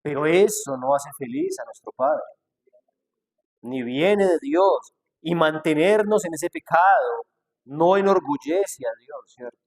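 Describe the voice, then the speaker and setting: A man's voice: on the high side, expressive, slow pace, darkish tone. A male pastor preaching a sermon, asking rhetorical questions and acting out people's objections. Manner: acts out quoted objections in a changed voice.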